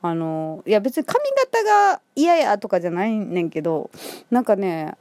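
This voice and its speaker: Kansai woman, solo chat host; bouncy, expressive delivery, laughs a lot, close and dry. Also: medium pitch, normal speed, no echo. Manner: chatty, laughs often, many fillers. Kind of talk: casual solo monologue.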